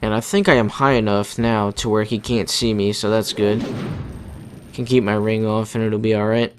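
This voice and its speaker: A young man with a fairly low voice gives laid-back commentary on his gameplay. He talks casually and colloquially over slightly noisy game ambience. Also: level tone, normal speed. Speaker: gamer narrating a playthrough.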